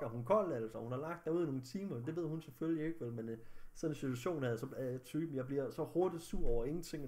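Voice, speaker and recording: Young male vlogger, slightly high-pitched, agitated, swears heavily. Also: a little mellow. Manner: agitated, angry, heavy swearing. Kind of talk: recounting a personal story to camera.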